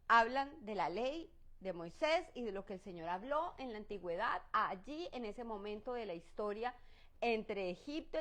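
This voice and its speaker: A woman with a soft, high voice teaching a church Bible study. She is lively and expressive, with her pitch swooping up and down. She often slips in exclamations in English.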